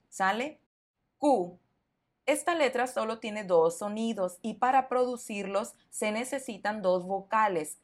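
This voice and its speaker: Slow, careful Mexican woman teacher. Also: mid-range voice. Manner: carefully enunciates, repeating each word twice. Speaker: Spanish teacher. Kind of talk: podcast pronunciation lesson.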